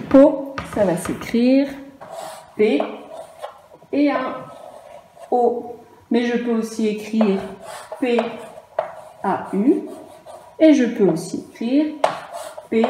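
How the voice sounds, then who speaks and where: A woman teaching phonics to young children in a remote lesson, spelling out letters one at a time with patience. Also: a little high. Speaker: primary school teacher. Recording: echoey room with faint noise.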